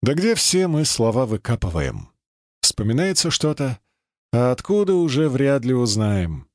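A man's voice: medium pitch, big pitch swings, measured pace, no room sound, studio quality. A man putting on a teasing young woman soldier, Ira. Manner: playful, teasing. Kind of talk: audiobook character voice.

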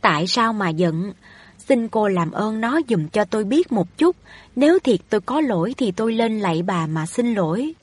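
A woman's voice: medium pitch, lively intonation, normal speed, a little mellow, slightly rough, no echo. A woman voicing a humble poor widowed peasant mother in a storybook reading, anxious and pleading. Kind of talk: audiobook reading of a novel.

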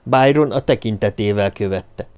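A man narrating an audiobook in a steady, measured reading voice. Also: lowish voice, clear, resonant tone. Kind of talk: scripted narration.

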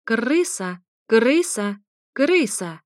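A brash male parrot yells in shrill, repeated squawks, high and loud, as a woman reading the story puts him on. The storybook voice is close and dry, with no room around it. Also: very animated, drawn-out words, no room sound, heavily acted. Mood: squawking.

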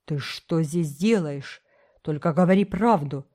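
A woman voicing a rough young male gold digger who threatens in a low, hissing voice. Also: a little slow, dark tone. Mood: menacing.

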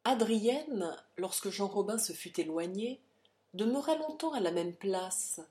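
A woman narrating a novel aloud in a measured, dramatic reading. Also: on the low side, mellow. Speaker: audiobook narrator.

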